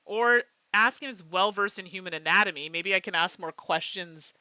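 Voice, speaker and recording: A woman streaming a mystery game live, chatting with her viewers and laughing often in an animated way. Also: mid-range voice, normal speed, clean tone, no room sound. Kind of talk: live game playthrough chat.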